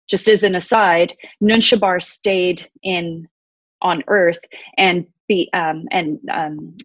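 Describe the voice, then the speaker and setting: A woman retelling an old myth in conversation, thoughtful, with many pauses and fillers. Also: fairly low pitch, dry recording, muffled recording. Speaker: interview guest, storyteller.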